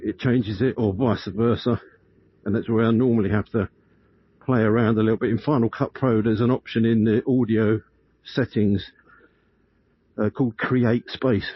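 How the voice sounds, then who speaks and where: A motorcycle vlogger with a husky, lowish voice rambles and thinks aloud in casual motovlog chat while riding country roads. Through a helmet intercom mic, his voice sounds muffled and boxed in, buried under loud wind and engine noise.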